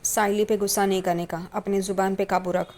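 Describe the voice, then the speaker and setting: A woman's voice: medium pitch, little pitch movement, brisk, darkish tone, lightly acted. A woman voicing a stern elderly grandmother who scolds and gives orders, read out in a retelling. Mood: scolding.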